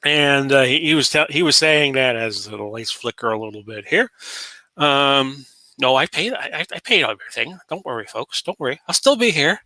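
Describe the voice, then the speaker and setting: A Florida man in his late forties hosts a solo podcast, rambling casually and animatedly with frequent fillers and false starts. His voice is bright and forceful at an ordinary pitch, delivered at normal speed. The sound is dry and close, with no echo.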